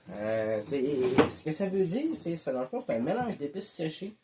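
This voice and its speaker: A man with a Québécois French accent chats casually while tasting snacks, munching chips as he talks. His fairly high-pitched voice is very animated at normal speed, and the recording is very noisy.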